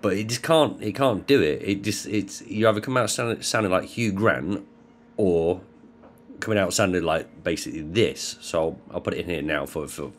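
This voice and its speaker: Deep-voiced man. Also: normal speed, a little hiss or hum. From north of England. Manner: rambling, self-correcting, frequent restarts. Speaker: video creator. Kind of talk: casual talk to camera.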